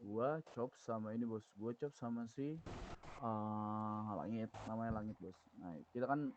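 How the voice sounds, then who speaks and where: A man's voice: on the low side, measured pace, a little hiss or hum. A man in a role-play game eagerly telling his boss about a fight, acting out the other people's lines as he goes. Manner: animated, acts out quoted lines mid-story. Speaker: gang member reporting to his boss. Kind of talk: in-character role-play storytelling.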